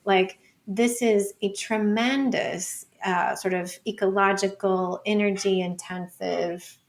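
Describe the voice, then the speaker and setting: A woman with a mid-range voice talks slowly with fairly even intonation. She's an expert guest on a conversational podcast, a data researcher and book author, explaining things informally and hedging a lot with "like," "sort of," and "you know."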